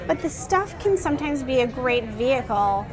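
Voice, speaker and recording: A middle-aged woman, an interviewer and blogger, chats casually with a guest, speaking earnestly and animatedly while restarting her sentences often. Her voice is high and her pace moderate. Music plays underneath, with a crowd audible in the background.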